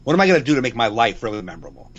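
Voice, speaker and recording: A man's voice: mid-range voice, sing-song, very fast, dull audio. Rambling, swearing comedian in his forties. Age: 40s. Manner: rambling, repeats himself, swears freely. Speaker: comedian and podcast co-host. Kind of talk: casual chat.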